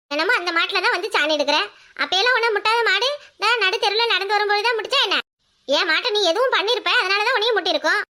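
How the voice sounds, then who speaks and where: A woman voicing several quarrelling village women in a cartoon comedy, scolding and complaining in a southern Tamil village dialect. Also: sharp tone. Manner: shrill, scolding, bickering. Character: loud squabbling village women, fussy and complaining.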